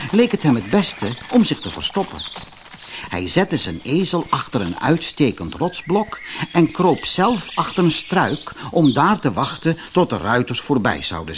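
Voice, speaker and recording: Lively male storybook narrator. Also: mid-range voice, background noise. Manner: lively, expressive reading with voiced characters.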